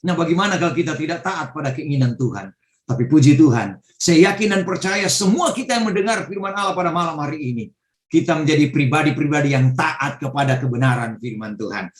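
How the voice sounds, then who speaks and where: A man's voice: a little high, lively intonation, a little fast, echoey room. A middle-aged male pastor, giving an emotional testimony sermon with fervent exclamations over a video call.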